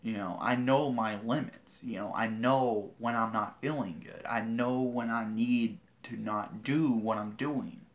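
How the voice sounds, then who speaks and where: Indignant teenage guy, low-voiced. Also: steady tone, measured pace, hardly any pauses. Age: teens. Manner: indignant, rambling, with restarts. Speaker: vlogger. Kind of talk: rambling livestream storytelling.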